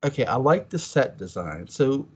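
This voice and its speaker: A man's voice: medium pitch, big pitch swings, normal speed, darkish tone, breathy edge. A man chatting as a podcast guest, telling stories animatedly and acting out his own reactions in quotes. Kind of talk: casual chat. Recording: dull lo-fi sound.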